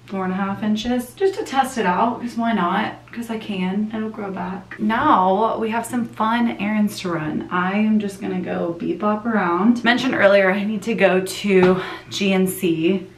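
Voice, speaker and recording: A vlogger in her twenties chats casually to the camera, peppering her speech with "like," filming in her small apartment bathroom and in her car. Her medium-pitched voice has fairly even intonation and moves a little slowly. The room sounds echoey.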